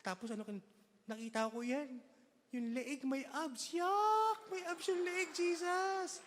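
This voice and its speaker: A man's voice: extremely high pitch, steady tone, takes it slowly, fairly bright tone, slight background noise, voice pushed up, exaggerated voice. A man voicing a catty, scandalized youth camper who gossips with shrieks and exaggerated gasps. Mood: shrieking gossip. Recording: long reverb of a large hall.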